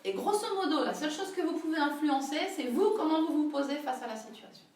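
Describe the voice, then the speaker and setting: Her voice is high-pitched and a little mellow, and she talks quickly while leading a small group workshop. She keeps the teaching conversational, regularly checking in with tag questions. She's far from the microphone in a very echoey room.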